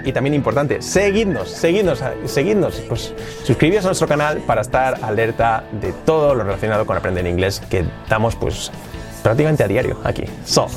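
Lively Spanish man teaching English. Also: mid-range voice. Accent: Spain Spanish. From Spain. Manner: lively, repeats himself, quick asides and laughs. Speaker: English teacher, channel host. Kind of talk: casual video lesson to camera.

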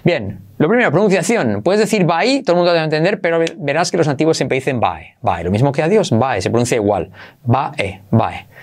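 A man hosting an English lesson, talking energetically and switching between Spanish and English, slowing down to repeat example phrases. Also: on the high side, big pitch swings. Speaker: English teacher hosting a channel. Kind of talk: bilingual English lesson, casual and upbeat.

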